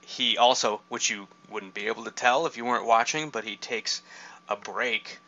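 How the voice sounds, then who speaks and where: A man's voice: fairly low pitch, fairly even intonation, normal speed, bright, forceful tone, dull audio. A man hosting a podcast, casually recapping a wrestling show with asides. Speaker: podcast host.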